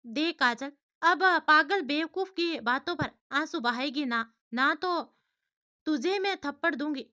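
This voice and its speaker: A woman's voice: sits high, lively intonation, unhurried, bright, forceful tone, full character voice. A woman voicing a caring young woman who scolds and comforts her friend in a storybook reading. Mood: scolding. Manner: scolding affectionately, consoling.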